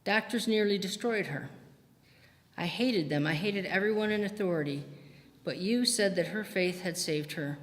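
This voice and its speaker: A church reader voicing a desperate, repentant male criminal who pleads in a hushed voice, with long church reverb. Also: medium pitch, moderate pace, close to an everyday voice. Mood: pleading.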